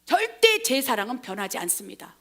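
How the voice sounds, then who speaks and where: A woman's voice: sits high, very animated, brisk, bright, forceful tone, full character voice. Woman voicing Peter, a protesting disciple. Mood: boastful. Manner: indignant, protesting.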